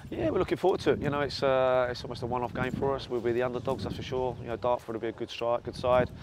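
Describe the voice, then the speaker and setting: A man, a football manager giving a post-match interview, talking quickly with lots of repeats and fillers. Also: medium pitch, fairly even intonation. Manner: fast, repetitive, filler-heavy talk. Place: outdoor stadium stands at night. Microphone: lapel mic. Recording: noisy outdoor windy stadium.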